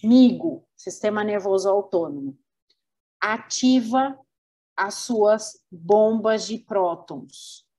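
A woman voicing the central nervous system as a bossy figure handing out urgent orders, with a slow husky voice. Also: mid-range voice, expressive, warm tone. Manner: commanding, urgent.

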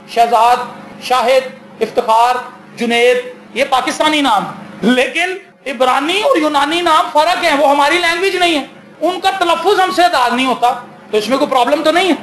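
A man's voice: extremely high pitch, fairly bright tone, slight background noise. A man with a Pakistani accent preaching as pastor, building to emphatic, rising bursts and slipping into Punjabi for quoted talk. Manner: slips into Punjabi for quoted dialogue. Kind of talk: sermon.

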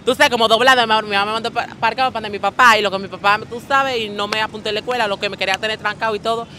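A woman's voice: medium pitch, fairly even intonation, racing, pushed and bright, a little hiss or hum. A woman with a Dominican accent, talking flamboyantly in a casual street interview and calling everyone "mi amor".

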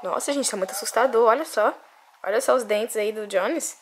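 A woman's voice: fairly high pitch, a little fast. A woman hosting a family vlog, narrating casually in a cheerful, doting sing-song voice. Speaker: family vlogger. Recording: music playing under the voice.

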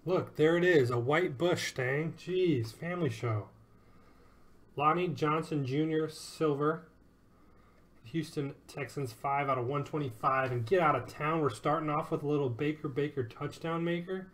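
A man's voice: on the high side, a little slow. Upbeat man calling a card break. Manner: upbeat, joking, calls out card names and numbers. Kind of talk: live card break commentary.

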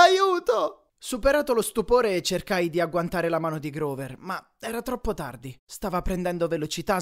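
A man reading a first-person audiobook in a dramatic manner, dropping low and quiet on tense lines. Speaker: audiobook reader.

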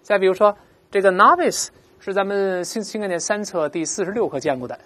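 Lively, husky woman teaching vocabulary. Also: medium pitch. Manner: explains patiently, slowly models pronunciations for repeating; asks "right?" often. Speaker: English teacher. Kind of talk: vocabulary lesson.

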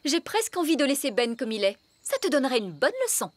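A woman's voice: high voice, very animated, fast talker. A woman voicing a strict, proper fairy nanny in a French cartoon dub, firm and articulate like a schoolmistress. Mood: scolding.

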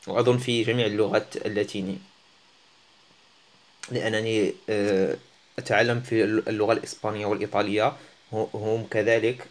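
A man teaching a language lesson, patiently repeating words and often restarting his sentences. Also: lowish voice. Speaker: French teacher. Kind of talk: language lesson for Arabic speakers.

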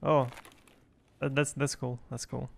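A young Russian man streaming an online shooter chats casually, repeating short phrases, recorded close on a boom mic with a headset at his desk. His voice is mid-range and creaky, with little pitch movement and a measured pace.

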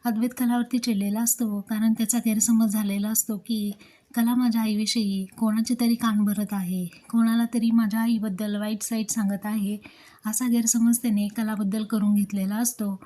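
A woman narrating an episode recap of a TV serial in a steady storytelling manner. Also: on the high side, moderate pace.

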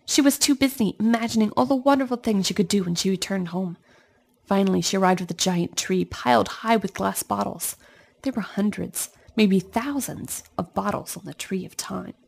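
A woman reading a children's storybook aloud in an expressive storytelling manner, speaking to young listeners. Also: medium pitch, moderate pace, vocal fry, breathy edge. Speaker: storybook reader.

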